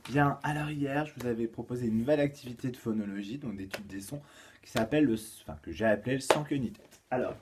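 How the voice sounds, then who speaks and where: A male kindergarten teacher giving a home-schooling lesson to young children. He counts aloud, sings a rhyme and reads riddles slowly and clearly. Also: medium pitch, background noise.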